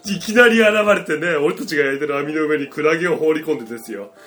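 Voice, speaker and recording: A man co-hosting an amateur comedy radio podcast, telling stories with quick retorts in casual chat. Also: fairly high pitch, soft background music. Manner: animated storyteller, quick retorts, laughs often. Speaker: podcast co-host.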